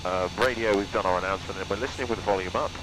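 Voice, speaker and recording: A low male voice speaks as a pilot over the radio, running through clipped calls and checks. He is on a headset in a small aircraft, with clear engine noise around him. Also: very fast. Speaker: student pilot. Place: small microlight aircraft cockpit in flight. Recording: engine-noisy cockpit intercom. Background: aircraft engine drone.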